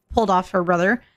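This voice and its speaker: A woman's voice: on the low side, no echo, studio quality. A female player at a tabletop game, casual and swearing.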